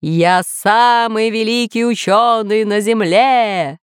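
A woman voicing a boastful masked villain who booms out threats and gloats. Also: slow pace, smooth, dry recording, studio quality. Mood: menacing. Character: boastful masked villain, self-styled ruler of the island.

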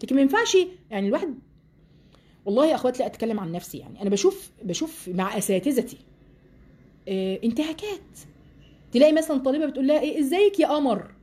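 A woman with an Egyptian Arabic accent gives a religious lesson to a group of women. She reads passages aloud and then explains them in a lively way. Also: high voice, rapid-fire, pauses often, breathy edge. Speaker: Quran teacher.

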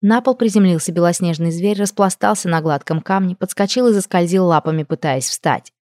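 A woman with a lowish voice tells a first-person fantasy story, lively and expressive. The recording is dry and close, with no room around it. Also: brisk, no echo. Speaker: audiobook narrator.

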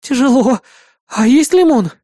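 A man's voice: very high voice, lively intonation, a little slow, warm tone, dry recording, studio quality, voice pushed up, full character voice. A man voicing a coy, teasing young woman.

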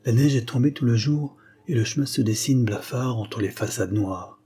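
A man narrating a classic novella as an audiobook in a measured, expressive way. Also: medium pitch, breathy edge.

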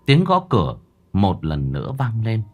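A man narrating a horror story in a dramatic, suspenseful manner, slowing down for tense moments. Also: on the low side, huge pitch swings, highs cut off, slight background noise. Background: soft background music.

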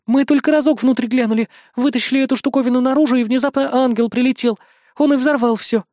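A scared young elf girl babbles her excuses in an audiobook, voiced by a man. The voice is pushed well up in pitch. The recording is close and dry. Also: fairly even intonation, quick pace, a little mellow, no room sound. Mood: frightened. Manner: flustered, babbling. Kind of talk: audiobook character voice.

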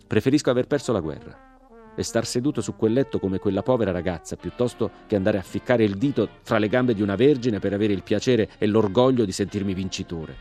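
Guy reading a gruff young american soldier, low dark voice, short snappy lines, faint music behind. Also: animated, brisk, hardly any pauses. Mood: curt.

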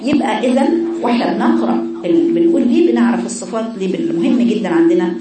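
A woman's voice: mid-range voice, expressive, fast talker, loud music behind the voice. A woman with an Egyptian accent teaching Quran recitation to a class of girls, asking questions and answering them herself and drawing out letter sounds to show them. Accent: Egyptian Arabic. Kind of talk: classroom lesson on tajweed letter qualities. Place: classroom with female students. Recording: echoey room, mic far off, students' voices behind.

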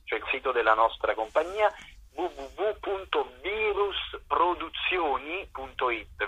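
In an unscripted radio interview, a theatre director who also writes and acts talks at length in a medium-pitched, sharp, slightly rough voice. His sentences wind on as he hunts for the right words, and the audio sounds dull.

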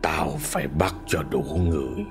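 A man's voice: very deep voice, very animated, normal speed, pitched below the performer's own voice. A man voicing an old grandfather's ghost speaking through a possessed man, heavy and harsh. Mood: menacing. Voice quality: heavy, growling.

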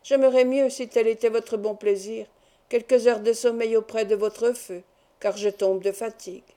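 A woman voicing a suave young nobleman who speaks softly and courteously, yet firmly. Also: fairly high pitch, fairly even intonation, moderate pace, lightly acted. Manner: soft, courteous, commanding.

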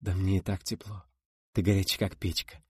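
A man's voice: low voice, level tone, moderate pace, slightly rough, no echo. A man voicing a playful, affectionate young woman who teases her lover in an audiobook. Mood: teasing. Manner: teasing, playful.

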